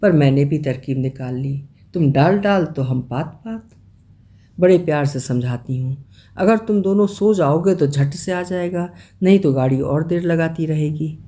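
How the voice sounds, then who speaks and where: Slow, mellow woman reading a story. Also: low voice. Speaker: story reader.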